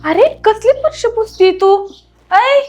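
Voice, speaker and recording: A woman's voice: very high voice, animated, slow pace. A woman acting a harsh aunt who scolds and taunts, with faint music behind. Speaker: actor playing a cruel aunt-in-law. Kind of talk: amateur family drama acting.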